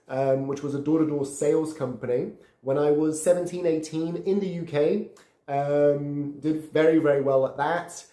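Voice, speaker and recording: Recorded with a roomy sound, this warm, fairly high-pitched male voice comes from a podcast host from Brazil in his thirties. He recounts his life in a sincere, easygoing way, frequently repeating words as he gropes for what to say.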